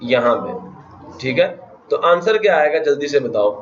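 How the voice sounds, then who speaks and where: A very animated Pakistani man with a medium-pitched voice teaches math at a normal pace, repeatedly questioning students and counting places out loud. Slight background noise accompanies the dull, lo-fi audio of an echoey classroom.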